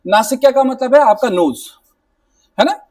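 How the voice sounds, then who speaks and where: A man teaching a Hindi grammar class for exam preparation, explaining patiently and repeating checks like "right?", sounding out letters slowly. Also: very high voice, animated, a little mellow, no echo, far from the mic. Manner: explanatory, repetitive, mixes English words, says "ठीक है" and "है ना" often. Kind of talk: exam-prep classroom lecture.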